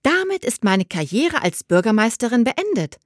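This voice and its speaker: A woman's voice: on the high side, big pitch swings, moderate pace, no room sound, clean studio sound, voice pushed up. A woman voicing a harried woman mayor who speaks sheepishly and defensively. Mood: strained. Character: harried adult woman mayor, proud but cornered.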